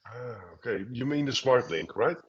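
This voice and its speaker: A man's voice: mid-range voice, lively intonation, normal speed, breathy edge, dull audio. A man answering questions as a guest expert in a live online session, often repeating words as he explains.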